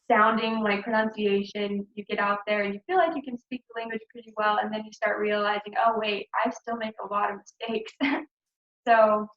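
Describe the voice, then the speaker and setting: Over a video call with roomy, dull audio, a young woman with a medium-pitched voice chattily recounts her missionary years. She's casual and full of ums, likes, and light laughs.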